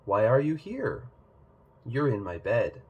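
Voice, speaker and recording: Man playing Baby Bear, slow and lively. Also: mid-range voice, breathy edge, narrow, tinny audio, exaggerated voice. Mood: puzzled. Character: young male bear cub, curious, plain-spoken, friendly.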